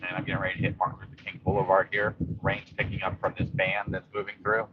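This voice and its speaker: Low-voiced man talking over loud driving noise. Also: fast talker. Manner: rambling, matter-of-fact observations. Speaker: local vlogger giving a storm update while driving. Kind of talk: casual live commentary. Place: inside a moving car in rain. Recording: dull lo-fi audio, steady car and rain noise.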